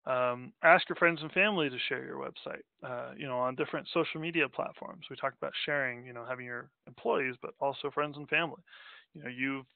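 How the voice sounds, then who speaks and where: Brisk and medium-pitched with vocal fry, a company president from Denmark talks through an unscripted webinar over slides. He's casual and rambling, full of fillers and restarts, and the audio is dry and tinny, phone-like, with no room sound.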